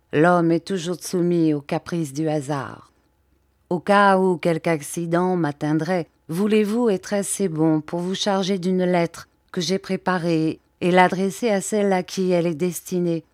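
A woman reading an audiobook, voicing a grave, composed English scientist who speaks in a measured, formal way. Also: on the low side, steady tone, darkish tone, no room sound, natural voice. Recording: dry close audiobook recording.

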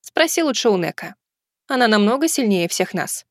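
A woman voicing a calm, knowing young fox woman in an audiobook, explaining things in a composed tone. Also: medium pitch, moderate pace, no room sound, clean studio sound, close to an everyday voice. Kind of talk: audiobook character voice.

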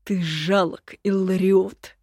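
A woman voicing a domineering, cruel male emperor who gives slow, loud, imperious commands. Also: medium pitch, level tone, no echo, studio quality.

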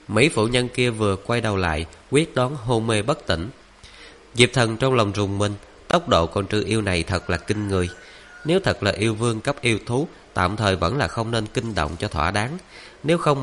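Male audiobook narrator, lowish voice, steady even read, faint background noise. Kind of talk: scripted novel narration.

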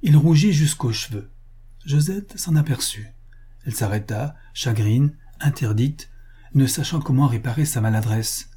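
Husky man reading an old novel. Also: mid-range voice, animated, measured pace, mellow. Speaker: audiobook reader. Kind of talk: literary audiobook narration.

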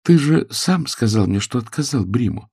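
A man's voice: expressive, normal speed, gravelly, dark tone, breathy edge, no echo, clean studio sound. A man voicing a spirited young woman who pleads with her father, in an audiobook reading. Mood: pleading. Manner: high, pleading and insistent.

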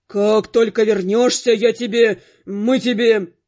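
Audiobook: grumpy scaly ghost creature, deep hissing growl, slow and deliberate, put on by a woman narrator. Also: fairly even intonation, warm tone. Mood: grumbling. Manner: growling, hissing insults, then stiffly polite. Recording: dull lo-fi with faint music.

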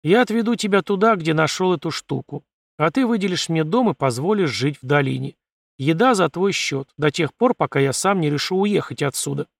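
A man's voice: fairly high pitch, animated, fairly quick, gravelly, dry recording, clean studio sound. A man voicing a suspicious, whiny little male desert scavenger who grumbles and pleads. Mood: grumbling.

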